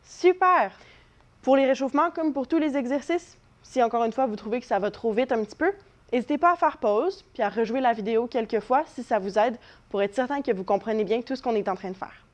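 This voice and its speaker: A woman's voice: fairly high pitch, fast, a little mellow. A young woman teaching a children's voice lesson, encouraging and demonstrating vocal exercises. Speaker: drama teacher. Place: living room at home.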